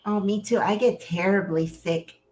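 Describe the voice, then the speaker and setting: A woman's voice: mid-range voice, moderate pace, darkish tone. A woman co-hosting a casual live stream with an everyday mid-range voice. She chats easily with her partner and laughs often as they talk. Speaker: co-host.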